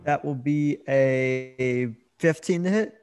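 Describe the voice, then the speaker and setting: A man playing in a tabletop game, speaking in a hesitant, soft-spoken way. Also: medium pitch, slow pace. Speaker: player. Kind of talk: casual tabletop game play.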